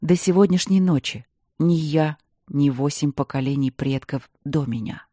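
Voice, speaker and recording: A narrator putting on a hoarse, growling baron who is half bear, speaking slowly and low from deep in the chest. His voice is dark and dry. Every word sounds dragged out under strain. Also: no room sound, close to an everyday voice. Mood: grave. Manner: slow, strained, barely holding himself back. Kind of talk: audiobook reading.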